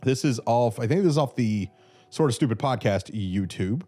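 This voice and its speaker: A man in his thirties from North Carolina hosts a podcast from an armchair in a small brick-walled room, speaking into a red studio mic on a boom arm. His medium-pitched voice is expressive and warm at a moderate pace, a little stuffy from a cold, as he rambles through listener questions with lots of fillers and restarts. Faint music plays behind him.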